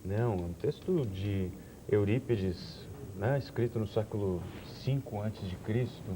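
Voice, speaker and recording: A man, a theater director on a TV talk show, explaining his work in a thoughtful, measured way. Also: lowish voice, noisy background. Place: TV studio.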